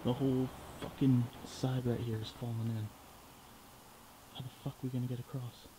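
Excited young man vlogging outdoors. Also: mid-range voice, normal speed. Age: young adult. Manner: loud and excited, drops to hushed asides. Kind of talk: exploration vlog narration. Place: outdoors at a ruined hillside house. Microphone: handheld camera at arm's length. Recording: outdoor camera audio with clear ambient noise.

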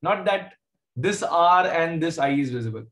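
A South Indian-accented man teaches maths in a casual online class, chatting and joking with his students from an indoor room. His voice sits on the high side and is expressive and a bit bright, at a normal speed. The video-class audio sounds roomy and echoey.

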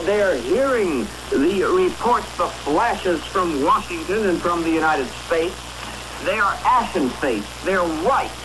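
Grave man reporting on an old newsreel. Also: sits high. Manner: grave, halting, slow delivery. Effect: old newsreel-style 1960s broadcast sound. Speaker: foreign correspondent. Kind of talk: live radio news report. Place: outdoors on a city boulevard. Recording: hissy 1960s radio broadcast.

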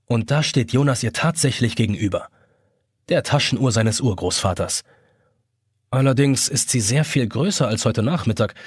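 Husky animated male audiobook narrator. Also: mid-range voice, normal speed, no room sound, studio quality. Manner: expressive, animated storytelling. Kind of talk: scripted narration.

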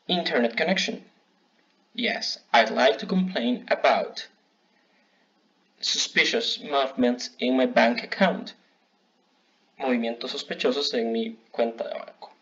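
A man teaching a bilingual customer service English lesson, modeling phrases slowly for learners to repeat. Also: medium pitch, a bit bright. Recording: dull lo-fi recording.

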